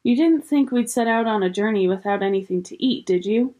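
A woman's voice: medium pitch, brisk, dark tone, close to an everyday voice. A woman voicing a bustling, motherly beaver wife. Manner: bustling and homely. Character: fussy motherly female beaver.

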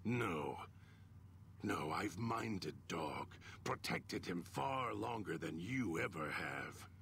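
An actor voicing a cold, controlling mutant alter ego in a video game, speaking in calm, cutting, articulate sentences. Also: male voice, deep voice, takes it slowly, vocal fry, a little hiss or hum, heavily acted. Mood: menacing.

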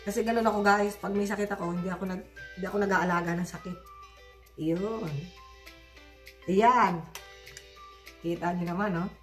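Woman, Filipino accent, casual vlog chatter, recovering from flu, soft music in background. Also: mid-range voice, fairly even intonation, normal speed, long pauses. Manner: chatty, addresses viewers as guys. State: sick with flu, voice changed. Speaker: vlogger. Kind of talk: casual cooking and gardening vlog.

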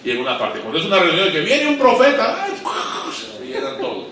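High-voiced preacher in an echoey hall. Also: male voice, wildly swooping pitch, brisk, slight background noise. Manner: swings between loud emphatic peaks and low quiet asides; asks the audience questions and waits for replies. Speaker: guest pastor. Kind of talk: sermon to pastors. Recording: echoey hall, voice far from mic.

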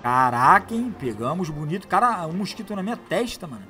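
A young man giving excited, heavy gameplay commentary. He repeats phrases and calls out to his viewers. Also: high voice, brisk, soft background music. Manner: hyped, slangy, repeats phrases, shouts at the screen. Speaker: gameplay youtuber.

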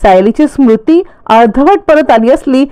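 A woman narrating a casual, lively recap of a television serial's plot. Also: high-pitched, normal speed, clean tone.

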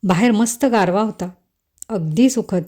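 A woman telling a first-person romance story in an intimate, unhurried scripted narration. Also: mid-range voice, mellow.

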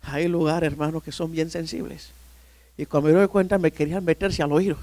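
A male pastor telling a lively personal story during a sermon, often calling listeners "brother". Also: a little high, a little fast, dry recording. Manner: animated storyteller, often addressing "hermano".

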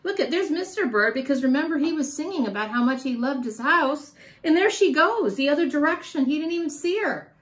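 A woman reading a picture book aloud to a child in an animated, sing-song way, stopping to ask questions. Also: high voice, fairly quick. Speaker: storyteller for children.

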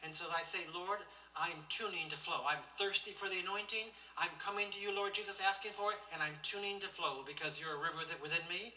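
A man's voice: sits high, steady tone, fairly quick, few pauses, bright, forceful tone. A male pastor teaching a church lesson, leading the congregation in repeated declarations and telling them to underline verses. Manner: directs listeners to underline verses. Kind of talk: church teaching with call-and-response. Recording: echoey, distant, dull lo-fi sound.

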